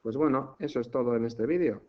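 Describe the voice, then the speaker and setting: A man's voice: mid-range voice, fairly quick. Patient teacher man, muffled. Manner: patient, explains step by step, checks in often with "¿vale?". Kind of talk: recorded language lesson. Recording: muffled lo-fi home recording.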